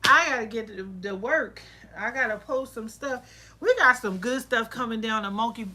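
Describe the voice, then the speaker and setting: A woman's voice: on the high side, normal speed, bright, forceful tone. A woman hosting a casual livestream, chatting and venting, laughing often and quoting herself. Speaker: soap and candle maker hosting a livestream. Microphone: laptop microphone.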